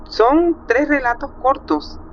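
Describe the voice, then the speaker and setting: A woman's voice: high voice, takes it slowly. A middle-aged Colombian woman with a Colombian accent, calling in to tell a personal story with emotion, acting out quotes. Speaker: caller. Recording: muffled call with faint hiss.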